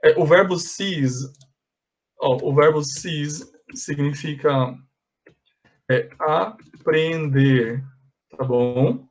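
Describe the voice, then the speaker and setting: A man's voice: a little high, drawn-out words, long pauses. A man teaching an English class online, patiently correcting exercises step by step and slipping in English phrases.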